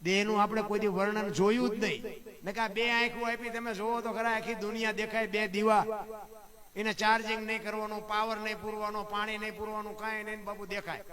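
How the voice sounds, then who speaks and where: Male storyteller, high voice, live stage mic with a crowd behind him, preaching to listeners as "bapu". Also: level tone, a little fast. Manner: keeps addressing listeners as "bapu", asks rhetorical questions. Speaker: folk storyteller. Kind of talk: live folk tale telling with moral preaching. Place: stage before a seated audience. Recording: live audience crowd audible.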